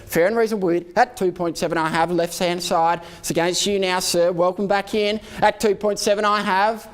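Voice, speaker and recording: Working as auctioneer at a live property auction, a high-pitched man calls out figures in short, rhythmic, repeated phrases. His tone stays steady and brisk while he speaks to the bidders formally and courteously.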